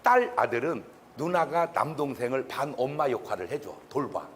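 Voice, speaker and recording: Lively, joking male pastor lecturing. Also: mid-range voice, normal speed, slight background noise. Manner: animated, joking, bursts into shouts. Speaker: pastor giving a public lecture. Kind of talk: humorous public lecture.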